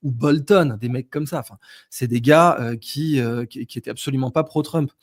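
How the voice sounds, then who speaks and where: A man's voice: mid-range voice, moderate pace, no room sound, clean studio sound. Slangy man talking markets. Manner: slangy, animated, stops to check charts. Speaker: host. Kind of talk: casual market commentary chat.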